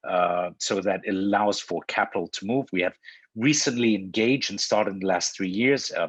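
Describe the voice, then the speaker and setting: A man from Hong Kong giving a webinar presentation over a video call, halting and often restarting his words. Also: on the low side, fairly bright tone, husky, dry recording. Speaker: panelist presenter.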